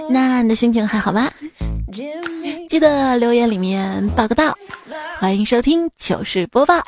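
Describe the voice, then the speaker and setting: A young woman from Xi'an hosting a comic podcast, telling jokes in a playful, animated way and slipping into local dialect for punchlines. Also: a little high. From Xi'an, China. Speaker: radio comedy podcast host. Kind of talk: scripted comic storytelling. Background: background music.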